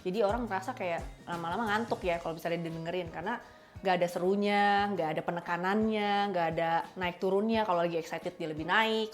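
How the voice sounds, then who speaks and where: Casual podcast co-host, woman, slangy and explanatory. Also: lowish voice. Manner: explains with demonstrations, relaxed slangy delivery.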